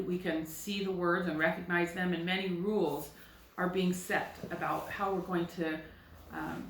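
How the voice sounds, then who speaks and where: An American woman teaches young children in a clear, bright voice, patiently explaining and posing questions she then answers herself. She sounds a little distant from the mic, in an echoey room. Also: mid-range voice, slight background noise. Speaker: first grade teacher. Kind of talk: recorded phonics lesson for children.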